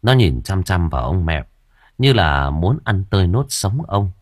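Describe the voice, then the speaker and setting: Man, audiobook narrator, husky, lively pitch, dramatic telling, dry close sound. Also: normal speed, no echo. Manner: dramatic, vivid storytelling. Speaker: storyteller.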